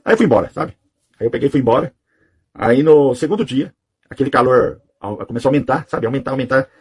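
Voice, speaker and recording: A man's voice: medium pitch, quick pace, a little mellow, husky. A man in his thirties giving a personal testimony, telling it in a rambling way and tagging his sentences with "you know?" asides. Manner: rambling, tags sentences with "sabe?" and "né?". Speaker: testimony giver.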